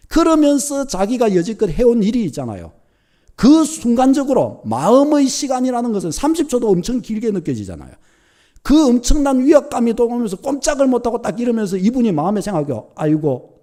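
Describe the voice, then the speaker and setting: A middle-aged male pastor delivers a sermon in the manner of a storyteller, acting out the thoughts of the people in his story. His voice sits high and swings widely in pitch, yet its tone stays dark and mellow.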